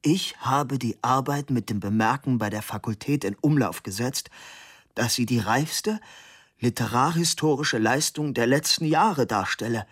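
A man reading an audiobook and voicing a formal, fussy old male literary historian whose stiff speech turns shrill and indignant. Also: fairly even intonation, a little slow, no echo, studio quality. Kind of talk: audiobook narration.

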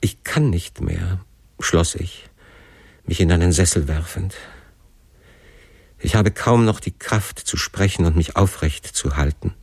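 A man with a very low, deep voice narrates a classic novel. His reading is passionate and theatrical, and he leans into the drama of each line. The sound is close and dry, with no room echo. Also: a little slow, long pauses, husky. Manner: impassioned, theatrical first-person delivery. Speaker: audiobook narrator.

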